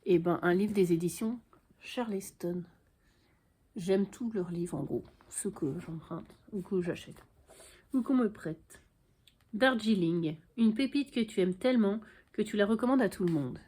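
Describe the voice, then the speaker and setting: A woman's voice: mid-range voice, unhurried, mellow, slightly rough. A woman book vlogger chatting frankly to the camera at home, with dry little asides. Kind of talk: casual chat to camera.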